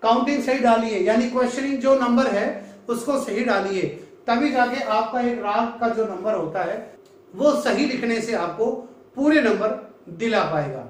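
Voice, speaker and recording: A man from North India teaching a music lesson, explaining slowly and singing scale notes in between. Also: extremely high pitch. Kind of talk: classroom lesson with sung notes. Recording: echoey room, mic far off.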